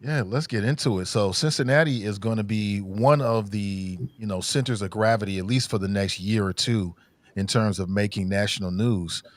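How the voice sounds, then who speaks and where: A man's voice: on the low side, normal speed, no echo. A man who is a bit under the weather, hosting a livestream podcast with conversational, opinionated news commentary on a close livestream mic. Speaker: podcast host.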